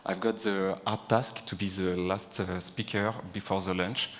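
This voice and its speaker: A man with a French accent giving a conference presentation, halting with frequent fillers. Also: low voice, little pitch movement, a bit bright. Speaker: conference speaker, CPU engineer. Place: large conference hall. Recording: reverberant conference hall.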